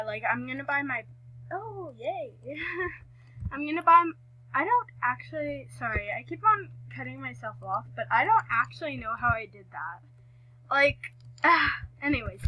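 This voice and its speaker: A woman's voice: a little high, pushed and bright, poor audio. A woman chatting casually over her gameplay, rambling and often correcting herself mid-sentence. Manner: rambling, self-correcting, many fillers. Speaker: gaming vlogger.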